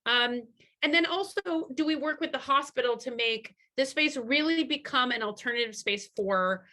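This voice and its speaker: A woman's voice: high voice, normal speed, pushed and bright. A woman on a video call summarizing her breakout group's ideas at a community meeting, with many fillers and restarts.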